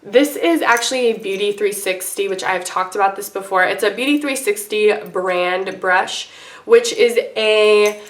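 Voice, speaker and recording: Talking to camera during a casual makeup tutorial, this woman sounds congested and unwell, her medium-pitched voice icky yet fairly bright in tone. She rambles informally at a slightly slow pace in a room with noticeable echo.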